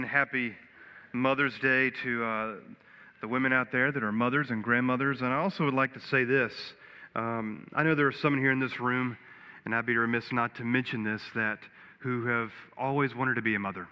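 A man's voice: mid-range voice, fairly even intonation, moderate pace, clear, resonant tone. A pastor giving a sermon in his church, earnest and folksy, telling a joke story before turning to Scripture. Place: church sanctuary. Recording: dull, reverberant church recording.

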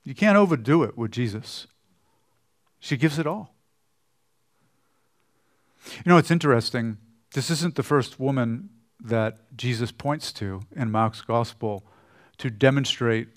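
A man preaching a sermon in a conversational way, often trailing off softly at the ends of phrases. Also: medium pitch, moderate pace. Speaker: pastor.

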